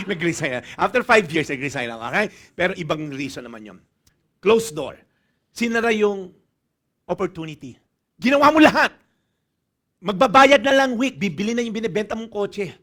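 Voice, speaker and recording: A man's voice: sits high, normal speed. A middle-aged Filipino man preaching a sermon full of jokes, acting out little dialogues as he talks. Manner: animated, joking, acts out little dialogues. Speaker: pastor. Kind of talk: humorous sermon.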